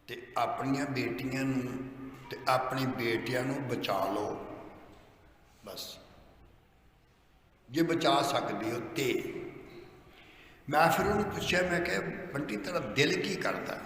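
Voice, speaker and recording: A man with a Punjabi accent preaching a sermon as pastor, urging the congregation to answer out loud. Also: medium pitch, unhurried, pauses often. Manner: preaching, urging the congregation to call back loudly. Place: church hall. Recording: echoey hall with faint room noise.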